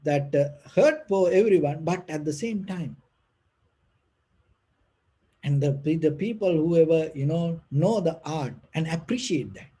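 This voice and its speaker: Slow, breathy man teaching meditation, non-native English. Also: a little high, expressive. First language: not English. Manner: gentle, halting, with frequent pauses and repeated phrases. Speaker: meditation teacher giving a Dhamma talk. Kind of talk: unscripted spiritual talk.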